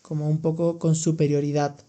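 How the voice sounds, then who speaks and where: This Andalusian podcast host and language teacher is a young man whose warm, highish voice comes across flat and a bit quick. The audio sounds dull. In a casual educational chat, he patiently walks through expressions using examples.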